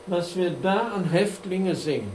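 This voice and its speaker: Preacher guy, slow earnest sermon w slides, roomy echo, bit of hum. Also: sits high, a little mellow. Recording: echoey room with faint hum.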